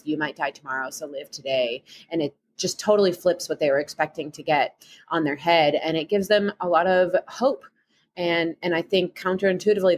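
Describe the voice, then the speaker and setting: Woman, Midwestern accent, slightly low voice; cheerful, chatty podcast guest. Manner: upbeat, chatty, frequent "like", laughs often. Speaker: guest author and meditation guide. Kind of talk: podcast interview.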